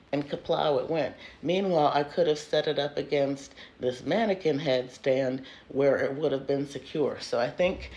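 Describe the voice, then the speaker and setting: A frank, chatty woman in a casual tarot vlog, swinging from loud, animated bursts down to hushed whispers. The recording has clear background noise and comes from a phone propped up at home. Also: sits low. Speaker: tarot reader.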